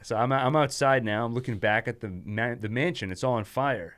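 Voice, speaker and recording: A man's voice: mid-range voice, a little fast, fairly bright tone. A man reading his part in an old horror comic and joking about it in casual, self-mocking commentary. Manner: wry, jokey, self-mocking. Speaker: comic reader.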